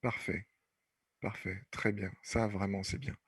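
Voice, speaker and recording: A man's voice: fairly low pitch, fairly even intonation, a little slow, breathy edge, dry recording. A man teaching an online class, explaining patiently and repeating points with many fillers. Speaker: French teacher.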